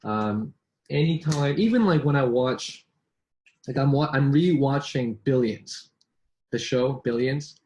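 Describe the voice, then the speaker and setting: Speaking in a mid-range, darkish voice, this New York-born, Vancouver-raised business English coach is expressive and unhurried. He talks casually with colleagues, frequently restarting sentences and posing rhetorical questions.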